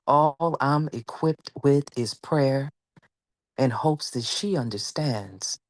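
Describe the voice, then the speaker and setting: A man reading a spoken word poem at an open mic in a slow, earnest way. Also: mid-range voice, no echo.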